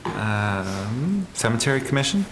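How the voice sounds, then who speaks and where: A man's voice: mid-range voice, sing-song, unhurried. A man chairing a meeting, moderating it in an informal way. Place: meeting room, indoors. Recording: echoey room, clear background noise.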